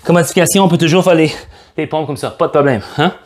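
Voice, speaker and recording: Joking Québécois fitness coach. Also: male voice, a little high, quick pace. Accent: Québécois French. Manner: upbeat, joking, counts reps aloud. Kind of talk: guided workout instruction.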